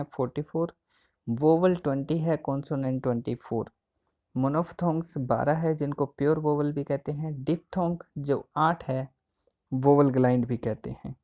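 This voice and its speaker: A man's voice: on the high side, mellow, muffled recording. A man teaching an exam coaching lesson, asking questions and answering them himself. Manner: asks and answers own questions.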